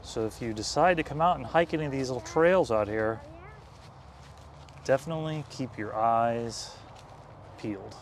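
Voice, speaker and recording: A man hosting an on-location vlog, explaining things casually as a guide outdoors on a trail, with a steady drone of traffic. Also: mid-range voice, moderate pace, long pauses. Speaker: vlog host and explorer guide.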